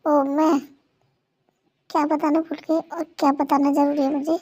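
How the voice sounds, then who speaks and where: A woman's voice: sits high, flat delivery, moderate pace, a little mellow, natural voice. A woman voicing a young wife begging to be let go, in an amateur fan dub. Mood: sullen. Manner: pleading, exasperated. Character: young wife pleading with her captor.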